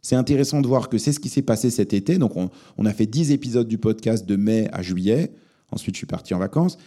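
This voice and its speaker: A man's voice: fairly low pitch, quick pace, dark tone. A man born in Lebanon, a journalist answering interview questions in a reflective way, with many hesitations. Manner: thoughtful, many hesitations and fillers. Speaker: journalist and podcast host, guest here.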